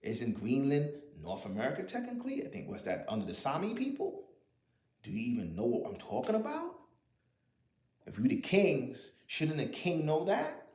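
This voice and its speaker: A man delivers an argumentative monologue in a loose, casual style, piling up rhetorical questions and dropping the occasional curse. His voice sits in an ordinary middle pitch. The recording sounds roomy, with noticeable echo off the walls. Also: wildly swooping pitch, moderate pace, a little mellow. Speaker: commentator.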